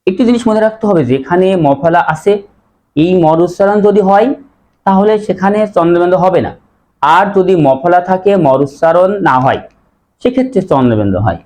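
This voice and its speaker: Male teacher, slightly raised pitch, patient drilling delivery, asks the class questions. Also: animated, darkish tone. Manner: repeats words slowly and asks students questions. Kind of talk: pronunciation lesson.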